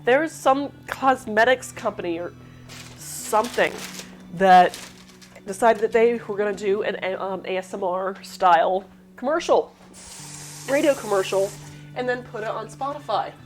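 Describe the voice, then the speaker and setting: Slow-talking woman hosting a cooking demo. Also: mid-range voice, soft background music. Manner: rambling, self-deprecating, munching snacks while talking. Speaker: cooking show host. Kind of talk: casual live cooking demo.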